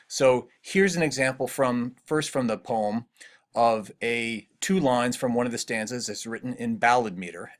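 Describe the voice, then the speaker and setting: A middle-aged man teaching literature in a recorded lecture, asking students questions and slowing down to read poem lines aloud. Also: mid-range voice.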